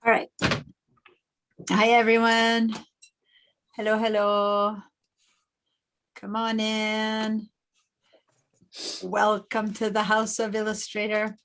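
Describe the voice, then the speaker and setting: Chatty Argentinian teacher on a video call. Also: female voice, medium pitch, completely flat delivery, takes it slowly, long pauses. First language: Spanish. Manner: chatty, warm greetings, rambling asides. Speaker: illustration teacher. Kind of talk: online class instruction. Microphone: Bluetooth headset on video call.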